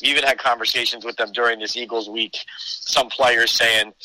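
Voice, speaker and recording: A man's voice: mid-range voice, fairly even intonation, normal speed, sharp tone, poor audio. A man giving conversational sports analysis as a podcast guest, explaining his case point by point.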